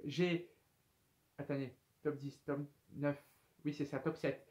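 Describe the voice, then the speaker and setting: A man's voice: fairly high pitch, fairly even intonation, slow pace, darkish tone. A man of twenty-one chatting casually to camera as a YouTube host, hesitant and full of fillers as he reads out viewer questions. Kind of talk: casual FAQ chat to camera.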